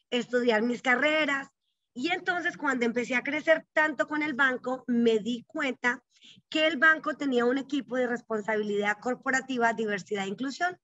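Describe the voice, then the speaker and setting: A middle-aged woman working as a psychologist and banking executive shares her life story in an interview, earnest and reflective, checking in often with short tag questions. Her fairly high voice sounds pushed and bright. The audio is dull, dry and a bit lo-fi, with no room sound.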